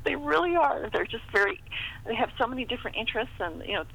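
With a fairly high, gravelly, slightly bright voice, this middle-aged American guest author talks fast and expressively in a casual interview. She's chatty and self-deprecating, punctuating her speech with little laughs, and the recording's highs are cut off.

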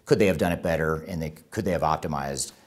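A man's voice: a bass voice, fast. A man presenting a top ten countdown as an online video host, explaining in a semi-scripted way and restating key points for emphasis.

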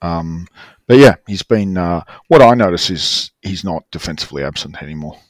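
A man's voice: sits low, animated, no echo, studio quality. Man chatting on a video call. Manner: halting, many fillers and restarts. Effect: speaking over a video call. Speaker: podcast co-host. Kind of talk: casual football chat.

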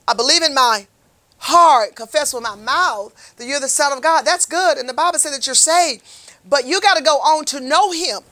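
A woman giving an impassioned, folksy Bible lesson, swinging between loud preaching and hushed asides. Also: sits high. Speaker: Bible teacher for a prison ministry.

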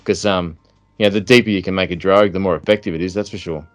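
Low-pitched Kiwi man chatting. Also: steady tone, quick pace, soft background music. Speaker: fishing podcast host. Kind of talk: casual chat.

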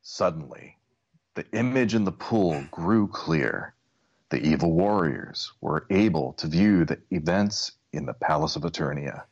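A man's voice: sits low, animated, a little slow. A man narrating a children's adventure story from a script in a dramatic style. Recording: dull lo-fi recording.

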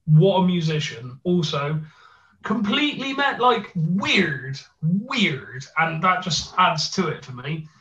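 A man with a gruff voice and a Bristolian accent, co-hosting a podcast in a jokey, playful, casual way. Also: on the high side, very animated, slow pace, fairly bright tone. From Bristol, England. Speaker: podcast co-host. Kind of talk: casual chat, plugging and bantering. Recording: roomy echo, distant mic, slightly dull.

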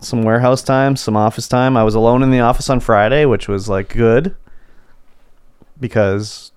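A man's voice: mid-range voice, steady tone, normal speed, darkish tone, clean tone, no room sound. A man, co-hosting a podcast and telling a casual story about his office, acting out what his coworkers said. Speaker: podcast co-host. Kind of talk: casual chat.

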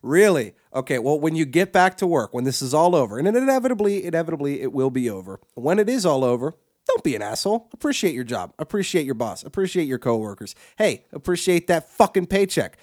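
A man's voice: on the high side, big pitch swings, fairly quick, darkish tone. A man co-hosting a podcast, ranting crudely and profanely, with frequent restarts and repeated words. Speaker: podcast co-host. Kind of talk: crude comedic rant.

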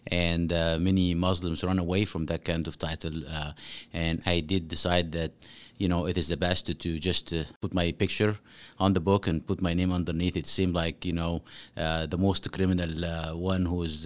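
Male guest, deep voice, earnest and halting, podcast interview. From Egypt. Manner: earnest, many fillers and restarts. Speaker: guest author.

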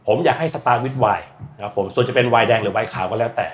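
A man's voice: medium pitch, a little fast, slight background noise. A man talking as a guest expert on energy and climate in casual, blunt, slangy speech, acting out quoted voices. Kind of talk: casual explanatory talk.

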